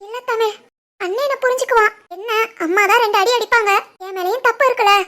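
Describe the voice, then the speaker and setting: A woman voicing a tearful young village woman in an animated drama, speaking softly with a Tirunelveli Tamil accent. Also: very high voice, quick pace. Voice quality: soft, subdued.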